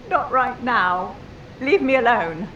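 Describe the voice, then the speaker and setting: A woman's voice: fairly high pitch, a bit bright, a little hiss or hum, full character voice. An actress voicing a distraught, grieving young woman who is tearful, speaking curtly through a closed door to send a visitor away. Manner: curt, pushing the visitor away. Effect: muffled, heard through a closed door. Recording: distant voice from behind a door.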